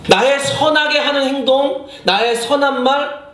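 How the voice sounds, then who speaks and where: A man's voice: very high-pitched, steady tone, a little slow, a bit bright, slight background noise. A male senior pastor preaching a sermon, impassioned, acting out his own prayers and putting questions straight to the congregation. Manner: addresses the congregation directly with questions. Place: church sanctuary. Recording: echoey church hall.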